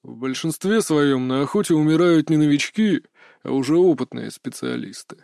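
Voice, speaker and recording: A man's voice: on the high side, normal speed, vocal fry, a little mellow, no echo, studio quality. A man voicing a burly bearded older hunter who taunts and lectures in a sly, mocking way, read as an audiobook character. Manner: taunting, philosophizing.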